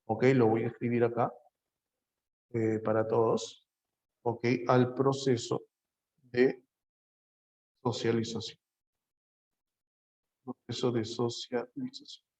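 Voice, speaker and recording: A man's voice: medium pitch, flat delivery, slow pace, pauses often, a little mellow. A man teaching psychology in a classroom, repeating phrases and firing questions at his students. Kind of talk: lively classroom lecture.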